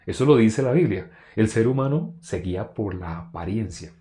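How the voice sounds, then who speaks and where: A man preaching, telling a personal testimony in an animated storytelling way and loudly acting out what others said. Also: lowish voice, moderate pace. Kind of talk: testimony sermon.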